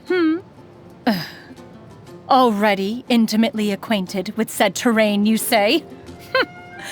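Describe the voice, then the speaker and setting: This is a proud immortal crane spirit from a video game, an inventor who talks in stately, archaic phrases and refers to herself as "one". Her voice sits somewhat high, and she can be haughty and teasing at once. Faint music plays underneath. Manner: formal, archaic speech, calls herself "one". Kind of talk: video game character voice lines.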